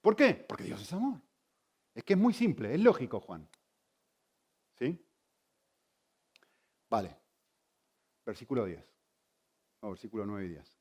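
A man preaching a sermon, teaching in an animated way and asking the congregation many rhetorical questions. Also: mid-range voice, unhurried, long pauses, slightly rough. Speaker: pastor.

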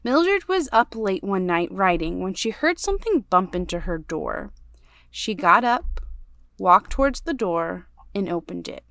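A woman podcast host reading a ghost story aloud in a measured, storytelling way, going hushed on the dark parts. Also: mid-range voice, big pitch swings, vocal fry, no echo, clean studio sound.

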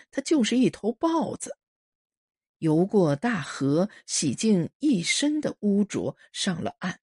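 A woman tells a story in a calm, measured way. Her voice is breathy and lively in pitch. The recording is close and dry. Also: no echo. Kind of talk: storytelling narration.

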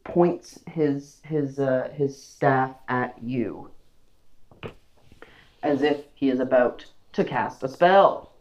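A man's voice: mid-range voice, slow, a little mellow, muffled recording. A man running a tabletop game as game master, playful and teasing, often stopping and restarting his sentences.

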